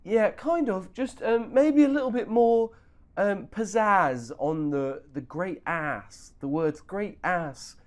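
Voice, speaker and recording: A man's voice: high voice, takes it slowly. A man playing an overpolite casting director who gives fussy, hesitant notes.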